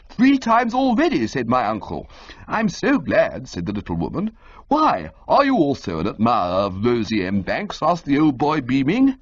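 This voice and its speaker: A woman voicing an excitable, flustered young gentleman who rushes out agitated exclamations. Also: a bass voice, husky, no room sound, heavily acted. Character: flustered young man-about-town, excitable and dramatic. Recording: dull lo-fi recording.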